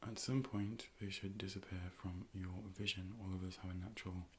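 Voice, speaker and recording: A low-pitched man delivers an optician ASMR role play fairly quickly, his speech soft, breathy and calm near the microphone. He often slips into whispers while gently instructing and reassuring, with a little background noise present.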